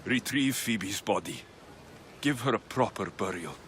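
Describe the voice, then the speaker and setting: An actor playing a young Greek mercenary hero, blunt and grieving, angry in bursts and hushed in sorrow. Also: male voice, lowish voice, lively intonation, a little slow, slight background noise. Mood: somber.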